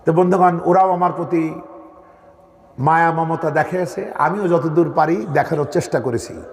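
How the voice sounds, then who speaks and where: Gravelly man preaching a sermon. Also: fairly high pitch, steady tone, normal speed. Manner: emotive storytelling with exclamations to the crowd. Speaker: Islamic preacher and local chairman. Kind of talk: Bengali waz sermon with storytelling.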